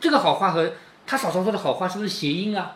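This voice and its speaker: With a high voice, lively intonation, and a quick pace, a man reads a classic novel aloud. He comments on it chattily as a book reader, frequently checking in with "right?"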